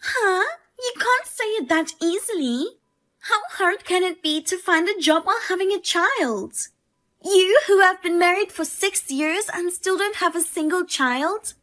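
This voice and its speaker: In a narrated storybook drama, a woman voices a pushy sister-in-law with a high, piercing, exaggerated voice. The character speaks in an animated but slightly slow way, sharp, demanding, and insulting, with a scornful mood.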